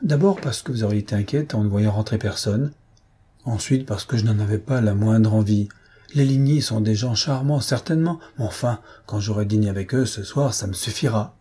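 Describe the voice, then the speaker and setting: A man voicing a lively, candid young wife in a read-aloud novel, raising his voice for her. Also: on the low side, fairly quick, husky. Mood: earnest.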